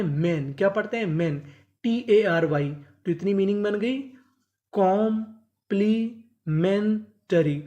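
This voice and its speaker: Woman teacher for a spoken vocabulary lesson: breaks words into letter chunks and drills them with her own questions and slow repeats. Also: on the low side, mellow. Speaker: English teacher.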